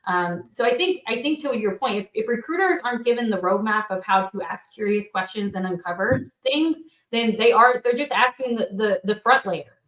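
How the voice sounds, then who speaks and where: A woman's voice: mid-range voice, a bit bright. Woman guest in an echoey room. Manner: halting, with repeated restarts. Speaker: podcast guest. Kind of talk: casual podcast chat. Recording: roomy echo.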